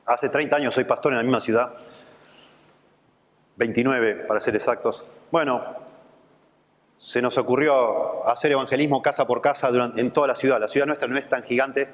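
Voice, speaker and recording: A man's voice: mid-range voice, in a large hall. A man in his fifties with a Rioplatense accent, a pastor preaching with a conversational storytelling manner. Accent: Rioplatense Spanish. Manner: conversational storytelling, acts out quoted voices. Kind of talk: sermon with personal anecdote. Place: church.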